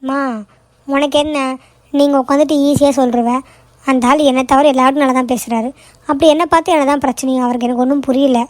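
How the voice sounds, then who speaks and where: A woman's voice: high voice, fairly even intonation, quick pace, darkish tone, no echo, lightly acted. A woman voicing a frustrated young daughter. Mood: exasperated. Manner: exasperated, complaining, argumentative. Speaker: daughter working in an office. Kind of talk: cartoon voice acting.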